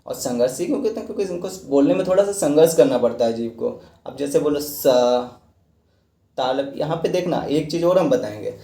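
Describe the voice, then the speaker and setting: A man's voice: fairly high pitch, lively intonation, a little fast, warm tone. A male teacher giving a lecture, explaining step by step, repeating points and asking and answering his own questions. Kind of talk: classroom lecture. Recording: echoey room.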